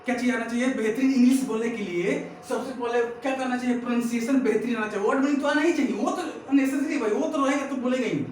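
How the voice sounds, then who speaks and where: A man's voice: very high-pitched, fast talker, few pauses, a little mellow. A man teaching English pronunciation, repeating each word and quizzing the listener again and again. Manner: drills words by repetition, keeps asking "what?". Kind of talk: pronunciation drill lesson. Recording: echoey room, mic far off, faint noise.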